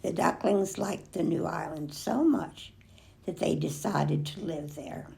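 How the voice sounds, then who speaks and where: An older woman reading a children's picture book aloud expressively, pausing to remark on the pictures. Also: low-pitched, vocal fry, darkish tone. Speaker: storybook reader.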